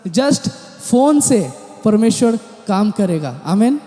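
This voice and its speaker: A man's voice: high voice, very animated, slow pace, warm tone, faint music behind. A male pastor preaches a sermon in a church, often breaking into amen and hallelujah and mixing in English words. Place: large church hall. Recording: echoey church hall with long reverb.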